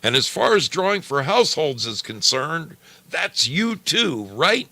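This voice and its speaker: A man voicing a brisk, formal village official, giving directions in an emphatic, businesslike way. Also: a little high, big pitch swings, pushed and bright, no room sound, voice pushed up, exaggerated voice.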